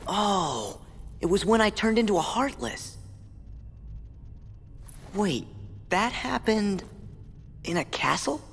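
A man's voice: high voice, very animated, slow pace, vocal fry, pauses often, fairly bright tone, breathy edge, full character voice. A man voicing Sora, an earnest, determined teenage boy hero. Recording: long hall reverb with music.

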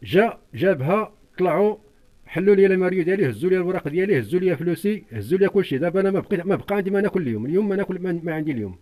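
Older Moroccan man interviewee, rapid pleading delivery, high-pitched voice, repeats himself. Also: expressive, dark tone. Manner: urgent, repetitive, pleading. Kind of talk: distressed eyewitness account.

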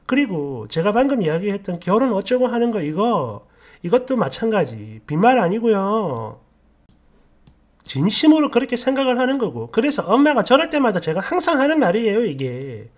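A woman reads a dramatized first-person story aloud. Her voice swings widely in pitch as she tells it with feeling, turning now and then to address her listeners directly. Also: normal speed. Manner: animated, emotive storytelling with asides to listeners. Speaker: story narrator.

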